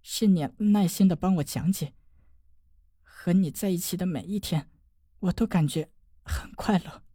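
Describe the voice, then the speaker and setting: 一位女性在有声书中演绎一个温柔痴情、奄奄一息的年轻女子，说话轻柔断续，带着哭腔。. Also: female voice, fairly low pitch, husky, dry recording, studio quality. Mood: tender. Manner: soft, halting, tearful. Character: dying gentle young woman, tender and devoted. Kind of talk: audiobook drama reading.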